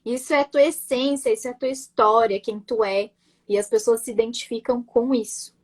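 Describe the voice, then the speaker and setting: A woman's voice: fairly high pitch, steady tone, normal speed. A woman from Rio Grande do Sul with a blended gaúcho and Florianópolis accent, chatting as a guest in an interview and often tagging sentences with "né?" and "sabe?". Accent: mixed southern Brazilian, gaúcho and Florianópolis. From Rio Grande do Sul, Brazil. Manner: talkative, repeats words, frequent "né?" and "sabe?". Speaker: guest, nurse marketing creator. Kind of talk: casual interview chat.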